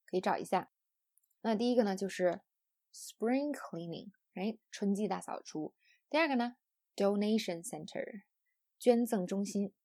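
Young woman from China, English pronunciation teacher, mellow husky voice, patient and explanatory. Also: medium pitch, brisk, no room sound, studio quality. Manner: patient, explanatory, with many "啊" and "呃" fillers. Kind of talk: online audio lesson.

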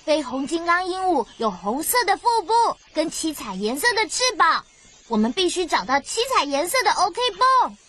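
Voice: very high voice, very animated, normal speed, sharp tone, heavily acted. A performer playing an eager, upbeat young boy animal rescuer in a children's cartoon, encouraging viewers and mixing in English words. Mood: reassuring, helpful. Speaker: host guiding child viewers. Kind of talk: animated children's show dialogue, addressing viewers.

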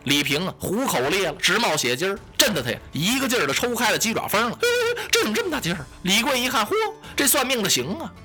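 A man narrating a traditional story in a lively, dramatic way, voicing the sound effects himself. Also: high voice, fast, hardly any pauses, faint music behind.

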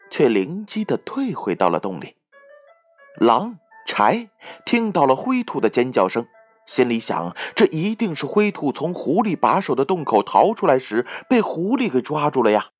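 A man narrating a children's story in an expressive, scripted storytelling manner. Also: a little high.

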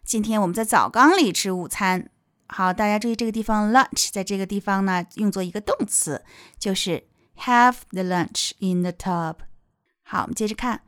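A young woman teacher explaining a picture book line by line, with lively rises in her voice. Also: mid-range voice, moderate pace, dry recording, clean studio sound. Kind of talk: picture-book reading lesson.

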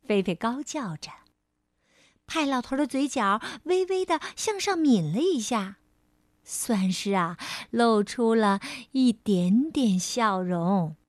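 A woman storyteller reading a children's storybook aloud in a gentle, expressive way. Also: a little high, slow pace, no echo, clean studio sound. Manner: gentle, expressive, lingering on phrases.

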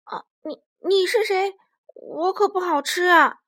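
A woman voicing a male tyrannosaur in a storybook tale, a former bully who stammers and blurts out his lines loudly when flustered. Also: high-pitched, very animated, unhurried. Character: gruff male tyrannosaur, bully turned bashful.

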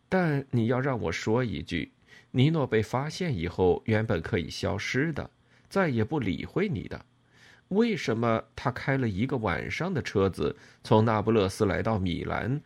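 A man voicing a calm, cultured young man who speaks in a measured, gently persuasive way, reading an audiobook. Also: on the low side, creaky, husky, full character voice.

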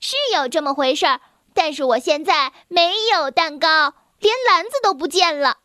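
A woman's voice: high voice, normal speed, pushed and bright, no room sound, studio quality. A woman voicing a cheeky, mocking young girl in a children's storybook, with a sassy, teasing way of talking.

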